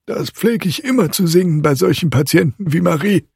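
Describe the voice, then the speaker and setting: A man voicing an odd old clockmaker godfather with a snarling, monotone voice in an audiobook fairy tale. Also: on the high side, moderate pace, vocal fry, husky, no echo, studio quality, pitched above the performer's own voice, exaggerated voice. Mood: coaxing.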